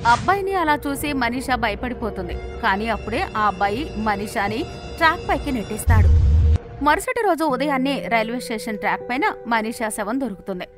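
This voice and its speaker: Female storyteller, high-pitched, dramatic scripted narration over loud background music. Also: animated. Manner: measured, dramatic storybook telling.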